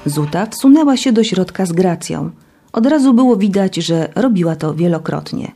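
A woman narrating an audiobook in a steady, even reading. Her voice sits low and mellow, with a husky grain. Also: normal speed.

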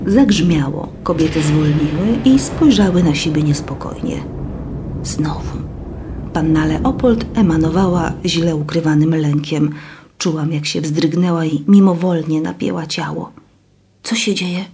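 A woman reading a first-person story aloud in a dramatic, expressive way. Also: sits low, a little slow, background noise. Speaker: audiobook narrator. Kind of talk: first-person scripted narration.

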